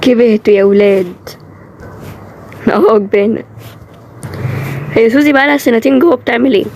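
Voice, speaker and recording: A woman with an Egyptian accent voicing a home-made animated drama, in quick, chatty lines that shift from role to role. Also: fairly high pitch, slight background noise.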